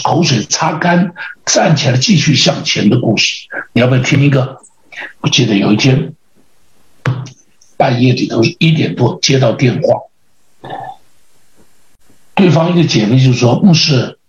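A male pastor with a Taiwanese Mandarin accent, preaching through lively stories and acting out the dialogue. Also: medium pitch. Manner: lively anecdotal, acts out dialogue. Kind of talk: storytelling sermon. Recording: roomy, slightly dull podcast audio.

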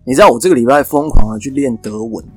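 A man's voice: medium pitch, fast, darkish tone, slightly rough, faint music behind. A man with a Taiwanese Mandarin accent chatting casually as a podcast co-host during a guessing game. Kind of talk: casual chat while playing a guessing game.

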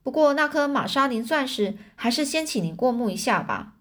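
A calm, courteous male detective with a dry wit, as a woman reads him aloud from a storybook. He speaks politely and unhurriedly. The pitch sits a little high. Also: fairly quick.

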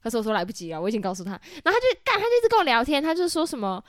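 A woman in her twenties with a Taiwanese Mandarin accent, telling a story in casual chat, animated and full of laughter. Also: on the high side, racing, dry recording, studio quality. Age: 20s. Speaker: podcast co-host.

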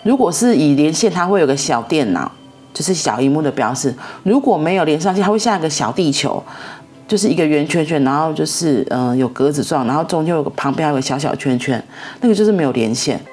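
A middle-aged woman talks through a personal story in a loose, rambling vlog monologue. Her voice sits low and slightly husky, and she often circles back over her own words. Soft music plays faintly behind her. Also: expressive, quick pace. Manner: rambling, reenacts dialogue, repeats herself. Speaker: vlogger.

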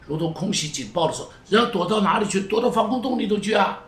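A male pastor preaching a sermon in an emphatic way, repeating phrases and moving between loud urging and hushed pleading. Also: sits high, quick pace. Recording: roomy echo, voice from a distance, faint noise.

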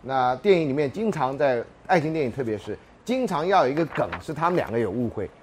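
A man's voice: mid-range voice, expressive, fast talker, darkish tone, a little hiss or hum. A man lecturing a university class, telling jokes and anecdotes and often laughing mid-sentence.

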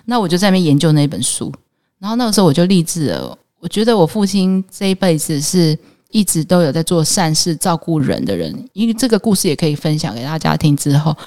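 A woman, a Buddhist nun, telling her life story in an interview, animated and often laughing. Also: sits low, fast talker. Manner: emotional, animated retelling with laughs.

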